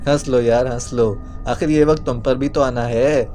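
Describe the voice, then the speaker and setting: A man's voice: medium pitch, fairly even intonation, mellow, slight background noise, close to an everyday voice. A man doing a whiny clowning young spy. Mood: mock-pitiful. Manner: whiny, mock-pitiful clowning. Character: playful mock-tragic young male spy.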